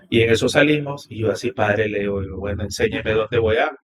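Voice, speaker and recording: A man's voice: fairly low pitch, normal speed, crowd noise. A man from Honduras, a podcast guest who tells a story animatedly and quotes each line of dialogue. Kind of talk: storytelling interview.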